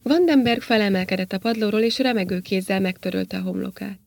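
A woman narrating a science fiction story in an audiobook in a steady storytelling manner. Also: medium pitch, creaky, dry recording.

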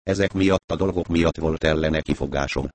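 A wounded, defensive wife, as a man reading the book voices her, answers in tense, clipped lines. The voice stays low, and the dry recording has no echo around it. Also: a little mellow. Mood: bitter.

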